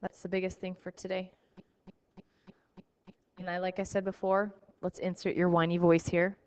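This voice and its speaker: A woman's voice: lowish voice, flat delivery, moderate pace, clear, resonant tone. A woman teacher explaining math problems to her class, talking through each step aloud in a recorded lesson.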